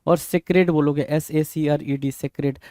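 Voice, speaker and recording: In an English vocabulary lesson for exams, a man with a warm voice on the high side speaks at normal speed with fairly even intonation. He spells words letter by letter and keeps asking "bhai?" rhetorically. The audio is dry and studio quality.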